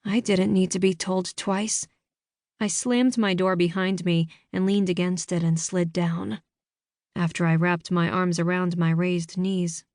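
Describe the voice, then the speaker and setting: Woman reading an audiobook in first person, measured and steady, studio mic. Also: on the low side, no room sound. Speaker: audiobook narrator. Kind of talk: first-person scripted narration.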